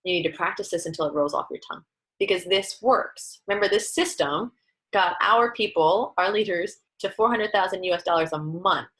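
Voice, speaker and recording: An upbeat woman, slightly low-pitched, gives a chatty training talk. She talks in a casual, lively way and keeps the tone warm and conversational. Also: moderate pace, poor audio. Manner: lively, upbeat, acts out quoted dialogue with sudden high pitch jumps. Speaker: network marketing trainer.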